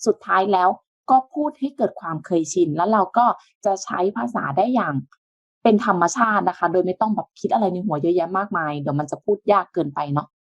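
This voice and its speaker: A woman teaching an online language lesson, explaining step by step in a patient way with soft, polite sentence endings. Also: on the low side, fast, dry recording, dull audio.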